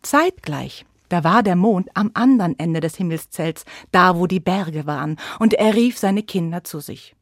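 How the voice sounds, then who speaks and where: A woman telling a fairy tale for young children, expressive and sometimes dropping to a whisper. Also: on the low side, moderate pace, few pauses, no echo, clean studio sound. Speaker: storyteller.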